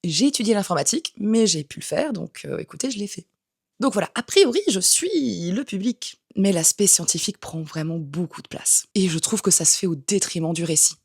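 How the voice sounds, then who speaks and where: A young adult woman giving frank book reviews in a casual vlog, with animated, playful asides. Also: on the low side, brisk, breathy edge. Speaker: book vlogger.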